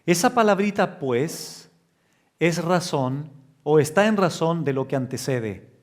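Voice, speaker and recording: Man, pastor, expository sermon, slow deliberate delivery, somewhat high voice, emphatic pitch jumps. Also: lively intonation. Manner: slow, emphatic preaching with sudden pitch rises.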